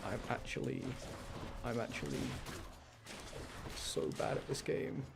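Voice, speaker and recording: Noticeable background noise surrounds this gamer and channel host as he talks through his play at a measured pace. His medium-pitched voice has vocal fry, and his casual commentary is lightly grumbly and self-deprecating.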